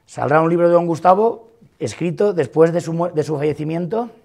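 A man's voice: on the high side, fairly quick, gravelly, darkish tone. A man giving a university lecture on philosophy of music, arguing emphatically and repeating words for stress. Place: large lecture hall.

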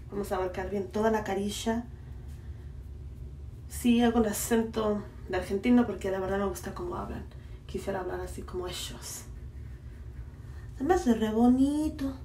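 A woman's voice: mid-range voice, fairly even intonation, normal speed, long pauses, a little mellow. Mexican woman chatting away to viewers, playful, sounds far from the mic, bit of hiss. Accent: Mexican Spanish. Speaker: beauty vlogger. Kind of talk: casual chat while applying a face mask. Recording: echoey room, mic far off, faint noise.

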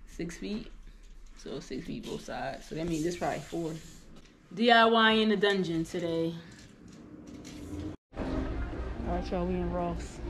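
A woman vlogging in casual chat, loud and profane, laughing often. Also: fairly low pitch, measured pace, long pauses, slight background noise. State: out of breath.

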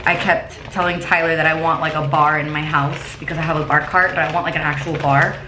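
A young woman talks to her camera in a casual, chatty vlog style. Her s sounds have a lisping whistle, and her voice sits on the low side. The recording is echoey, with clear noise in the room. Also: flat delivery, fairly quick. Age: young adult. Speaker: vlogger. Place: rooms inside a house. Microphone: camera mic at about arm's length.

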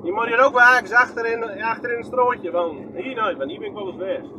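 A man's voice: sits high, fast, background noise. A man with a Groningen accent giving rambling, chatty running commentary from inside a moving vehicle, filming on a handheld phone and asking himself questions as he goes. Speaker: vlogger. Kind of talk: casual running commentary while driving.

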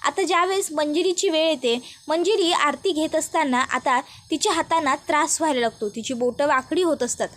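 A woman's voice: high voice, fairly quick, few pauses, fairly bright tone. A woman retelling a TV serial episode in a plain running narration with quoted dialogue. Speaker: storyteller.

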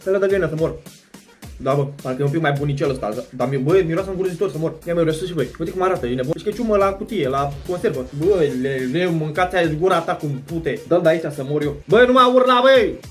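Young man, high-pitched voice, joking and slangy, faint music behind. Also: a little mellow. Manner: joking, exaggerated, slangy, addresses viewers directly. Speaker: vlogger. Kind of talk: casual food taste-test vlog. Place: at home indoors.

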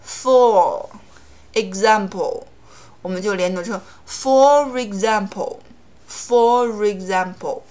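A woman teaching English pronunciation, explaining rules in Chinese and slowly repeating English example words. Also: mid-range voice, darkish tone. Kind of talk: language lesson.

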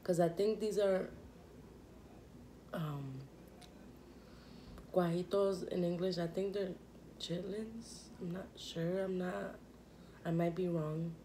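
A woman's voice: lowish voice, fairly even intonation, slow pace, long pauses, mellow, slight background noise. A young woman chatting casually while eating on camera, rambling with lots of fillers and talking with her mouth full. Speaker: vlogger.

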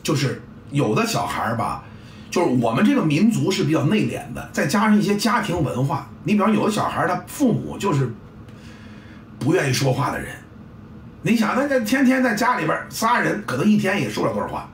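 Middle-aged man, blunt and salty, high lively voice, roomy sound from a distant mic. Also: fairly quick, slight background noise. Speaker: football coach and commentator. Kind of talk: casual monologue.

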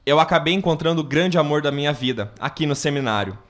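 A man's voice: on the high side, expressive, fast, fairly bright tone. A man playing an earnest, lovestruck young seminarian in a radio soap opera. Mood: anxious confession.

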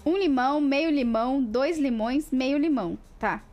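Brazilian girl streaming, high voice, giggly and playful, chatting with viewers, faint music behind. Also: normal speed, a little mellow. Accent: Brazilian Portuguese. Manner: playful and giggly, greeting chat viewers by name; stumbles and laughs over tongue twisters. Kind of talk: casual live-stream chat.

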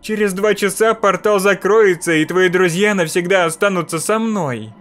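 A man voicing a sinister female spirit in a mirror, slow, loud and menacing. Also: sits high, pitched above the performer's own voice.

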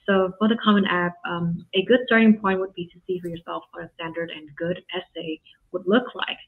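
A young woman from Vietnam, a university student on an advice panel, speaking in a thoughtful, measured way. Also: fairly low pitch, steady tone. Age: young adult. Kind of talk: advice panel on a video call. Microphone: webcam video call. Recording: tinny lo-fi call audio.

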